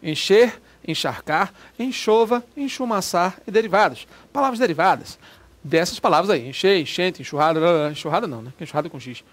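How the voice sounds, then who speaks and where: A man teaching a recorded grammar lesson. He is lively and chatty, and he drills words by repeating them. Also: sits high, brisk. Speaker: Portuguese teacher.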